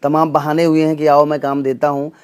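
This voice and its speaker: A man's voice: on the high side, monotone, brisk, darkish tone, clean tone. Earnest man with a tinge. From Gonda region, northern India. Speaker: comedian and mimic, interview guest. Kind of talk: interview answers.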